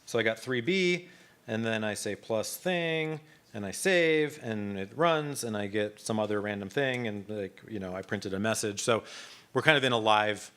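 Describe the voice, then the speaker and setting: A man's voice: lowish voice, moderate pace, a bit bright, clear, resonant tone. A man leading a live coding workshop, explaining in a casual, conversational way with many fillers and restarts. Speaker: workshop instructor.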